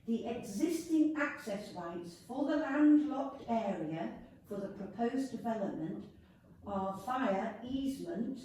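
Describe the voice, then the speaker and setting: A woman's voice: mid-range voice, a little mellow. A woman speaking with braces on her teeth, reading a formal prepared statement to a committee as a member of the public. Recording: echoey room, distant mic, faint noise.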